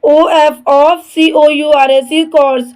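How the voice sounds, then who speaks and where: A woman's voice: high voice, steady tone, very slow, darkish tone. A woman teaching English words, spelling each one letter by letter, saying it twice, then giving its Hindi meaning. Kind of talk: slow spelling drill.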